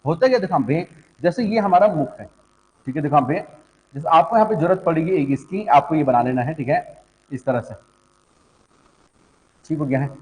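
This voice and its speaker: A male teacher explains a diagram in class, repeating phrases and filling pauses with "okay" and "look". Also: on the high side, animated, a little mellow. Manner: repeats phrases, fills with "ठीक है" and "देखो". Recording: long echo in a hall.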